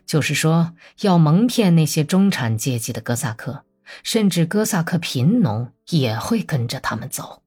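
A woman voicing an elderly calm Bolshevik man who lectures slowly and coldly. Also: low-pitched, husky, soft background music, full character voice. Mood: cold lecturing. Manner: slow, level, lecturing.

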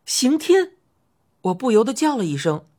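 A woman narrating a children's fantasy story as an audiobook, expressive and rising to cries in excited passages. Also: mid-range voice, quick pace.

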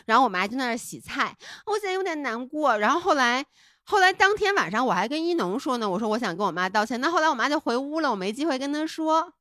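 A woman's voice: sits high, fairly bright tone, no room sound, studio quality. A woman co-hosting a podcast, telling a personal story in a candid, rambling, heartfelt way. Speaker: podcast co-host.

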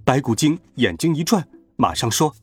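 A man narrating a children's story in a playful, animated way. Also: medium pitch, moderate pace, breathy edge. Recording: faint background music.

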